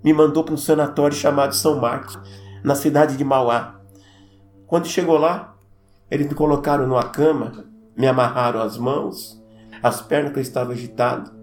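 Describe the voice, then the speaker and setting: A man's voice: medium pitch, normal speed. A Brazilian man giving a dramatic, emotional testimony to a church audience, acting out the voices in his story. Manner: dramatic, animated, acts out voices. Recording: roomy with soft music behind.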